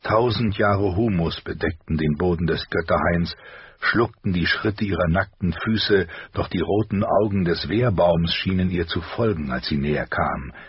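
Give me a very husky, deep male audiobook narrator with a dry, dull sound. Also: normal speed, no room sound. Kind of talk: scripted narration.

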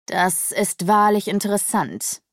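A woman's voice: medium pitch, measured pace, no room sound, clean studio sound. A woman voicing an arrogant, imperious male demon sorcerer who snaps out his words in an audiobook. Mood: haughty. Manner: commanding, snapping, harsh. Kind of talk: audiobook character voice.

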